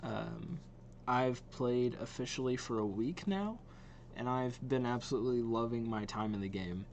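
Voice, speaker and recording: A man hosts a casual vlog reacting to game trailers, talking informally and enthusiastically with some hesitation. His voice is mid-range at a moderate pace, with a little hiss or hum on the recording.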